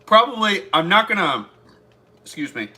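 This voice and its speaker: A man's voice: high voice, very animated, moderate pace, sharp tone. A man chatting through a casual taste-test vlog, thinking aloud as he eats. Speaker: food reviewer.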